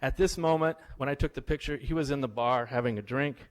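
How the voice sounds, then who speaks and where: A middle-aged visiting professor, a native English speaker, gives a relaxed, anecdotal talk to a live audience at a quick pace. He drifts between stories, restarts sentences, and keeps asking listeners questions. His pitch is ordinary mid-range for a man.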